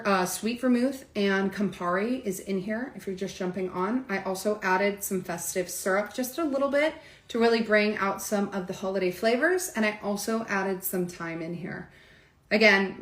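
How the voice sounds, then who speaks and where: A woman's voice: medium pitch, moderate pace. A woman hosting a casual live cocktail demonstration, chatting straight to her viewers with lots of asides. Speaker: cocktail demo host. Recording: echoey room with faint clatter.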